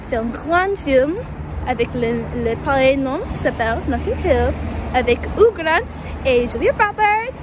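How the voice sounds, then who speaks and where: An American woman, a native English speaker, talking casually in a travel vlog, speaking halting learner's French and correcting herself often. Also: sits high, noisy background. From United States. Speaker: travel vlogger. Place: outdoors on city streets.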